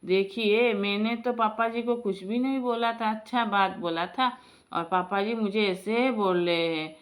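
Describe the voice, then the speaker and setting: A woman's voice: mid-range voice, measured pace, lightly acted. A woman voicing a patient, put-upon young daughter-in-law who speaks meekly and pleads. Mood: hurt.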